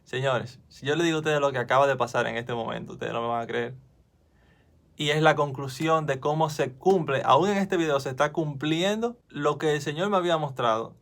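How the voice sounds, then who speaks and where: A man's voice: a little high, fairly quick, fairly bright tone. A man hosting a devotional video, recorded on his phone, talking earnestly and conversationally to viewers and asking them questions. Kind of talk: informal devotional teaching to camera.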